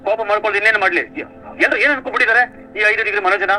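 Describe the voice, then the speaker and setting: ಜಗಳಗಂಟ ಹಿರಿಮಗ, ಎತ್ತರದ ಧ್ವನಿ, ವೇಗದ ಮಾತು. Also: male voice, high-pitched, rapid-fire, low-quality recording. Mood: angry. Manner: shouting, scolding, boastful. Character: arrogant hot-tempered eldest son, young adult man. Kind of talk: TV serial acting.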